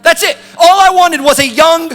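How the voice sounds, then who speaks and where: A man's voice: very high-pitched, normal speed, bright, forceful tone, big-room sound, faint music behind, voice pushed up. A man voicing a resentful grown son who complains like a sulky child, acted out in a sermon. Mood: whining. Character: resentful grown older son, whiny and petulant.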